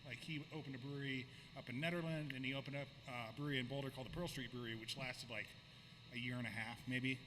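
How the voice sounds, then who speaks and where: Casual male host, storyteller, mid-pitched, noisy room. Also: fast. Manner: relaxed storytelling with fillers. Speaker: brewery podcast host. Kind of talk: casual chat.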